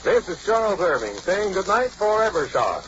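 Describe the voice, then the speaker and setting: A man announcing sponsor messages and the sign-off in a smooth, measured way, heard as an old radio broadcast transcription disc. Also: high-pitched, very animated, muffled recording, loud music behind the voice.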